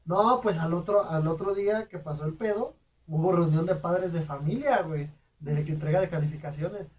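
A man's voice: a little high, moderate pace, darkish tone. A young man with a Mexican accent telling a story in casual chat, full of slang and laughter, acting out the voices of people he quotes. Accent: Mexican Spanish. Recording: distant mic with faint noise.

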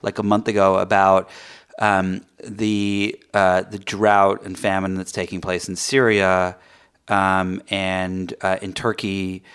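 A man's voice: low voice, monotone, takes it slowly, fairly bright tone, clean tone. A man from England hosting a podcast interview, talking in a rambling way with many ums and restarts. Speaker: podcast host.

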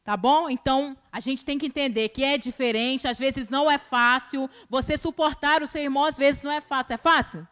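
A woman with a Brazilian accent preaching a colloquial sermon at a church service, chatty and teasing, her voice swinging between loud and hushed. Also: high-pitched, steady tone, fairly quick, hardly any pauses.

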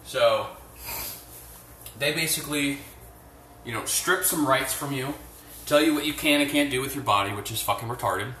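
A man's voice: mid-range voice, normal speed, bright, forceful tone, far from the mic, slight background noise. Man ranting into a phone in an echoey room. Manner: profane and blunt, with many fillers. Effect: echoey room sound. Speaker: podcast host. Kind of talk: casual rambling rant. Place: home, doing chores by the sink. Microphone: phone without headset.

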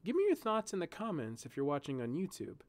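Lively male fantasy audiobook narrator. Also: on the high side, quick pace. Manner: expressive, lively reading. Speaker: storyteller and channel host.

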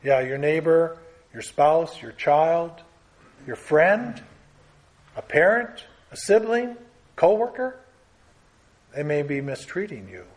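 Male preacher, slightly high voice, emphatic and earnest Bible teaching. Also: sing-song, slow, pauses often. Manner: earnest, emphatic, with lists and rising stresses.

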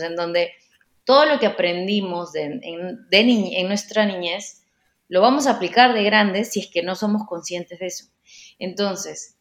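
A woman's voice: medium pitch, roomy sound. A woman giving relationship advice in a casual, explanatory way, often repeating words as she thinks.

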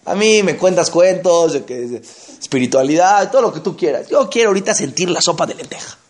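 A man's voice: high voice, animated, fairly quick. A man voicing a coarse, impatient young man who wants everything right now, talking bluntly and dismissively.

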